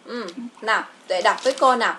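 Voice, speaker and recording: A woman with a Vietnamese accent teaches English to a child online, her medium-pitched voice sharp in tone and a little fast. She's patient and encouraging, repeating words for the child, with a slight hiss or hum in the recording.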